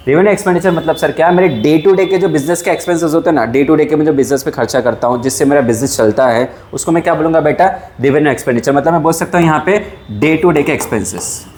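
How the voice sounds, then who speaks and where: A fairly high-voiced man teaches a class in an echoey room. He talks to his students fondly, asks them questions and answers them himself. He says the key terms more than once. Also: a little mellow. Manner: calls students "beta". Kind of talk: classroom lecture.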